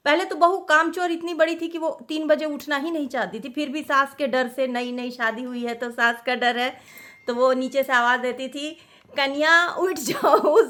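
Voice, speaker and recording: Bright high-voiced woman from Delhi. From Delhi, India. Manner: animated, chatty, laughing at herself. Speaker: vlogger. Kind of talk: casual storytelling.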